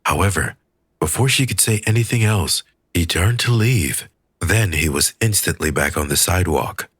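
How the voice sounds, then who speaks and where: A man reading an audiobook in a measured, expressive storytelling manner. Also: low-pitched, breathy edge, no room sound, clean studio sound. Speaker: audiobook reader. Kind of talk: scripted audiobook narration.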